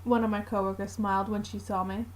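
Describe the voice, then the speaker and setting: A woman narrating a fanfiction aloud in the first person, with a steady, plain reading. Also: mid-range voice, fast talker, a little hiss or hum, low-quality recording.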